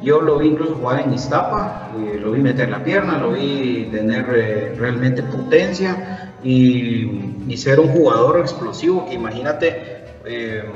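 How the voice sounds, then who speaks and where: A man's voice: medium pitch, animated, measured pace. A man co-hosting a casual sports podcast, explaining points firmly and repeating them. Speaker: podcast co-host. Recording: roomy, distant, dull audio with faint music.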